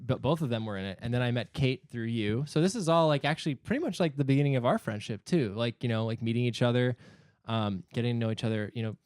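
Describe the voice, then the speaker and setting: A man co-hosting a casual podcast, playful and quick to laugh. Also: medium pitch, a little mellow, clean tone, clean studio sound. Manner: playful, laughing, echoes his partner. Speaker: podcast co-host. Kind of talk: casual chat.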